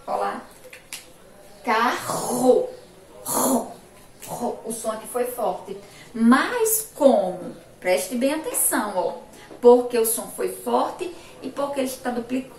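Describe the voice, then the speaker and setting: A woman from Brazil teaching a phonics lesson to young children, speaking slowly and emphatically, repeating sounds and words. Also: a little high, darkish tone. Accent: Brazilian Portuguese, Sergipe. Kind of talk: remote school phonics lesson. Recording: echoey room, distant mic, faint noise.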